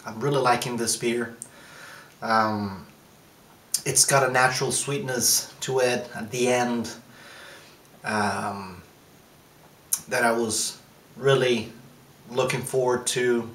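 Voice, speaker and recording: A man giving a casual, thoughtful taste review of his own beer, pausing often with fillers and restarts. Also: medium pitch, fairly even intonation, a bit bright, roomy sound. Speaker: home brewer.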